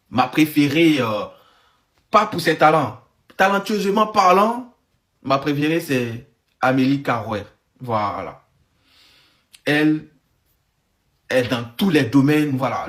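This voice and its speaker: A man giving casual, sarcastic commentary on the news, rambling with frequent restarts. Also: mid-range voice. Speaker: online commentator.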